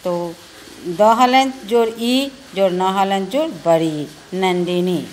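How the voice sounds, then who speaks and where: A woman's voice: medium pitch, takes it slowly, a little mellow, a little hiss or hum. A woman teacher with a Bihari Hindi accent, patiently spelling out letters one by one in a recorded lesson for children.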